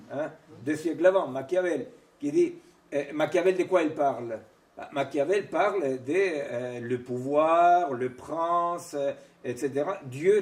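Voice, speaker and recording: In a seminar room, a man with a slightly high, slightly mellow voice gives an informal academic lecture, drifting between points with frequent hesitations and restarts. He keeps checking in with "vous voyez", "non?" and "hein", and the mic sits far from him in an echoey space.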